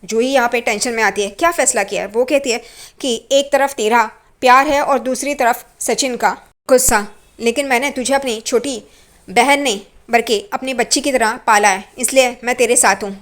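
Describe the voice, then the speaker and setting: A woman retelling a TV serial episode in a brisk, conversational storytelling manner. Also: on the high side, fairly bright tone.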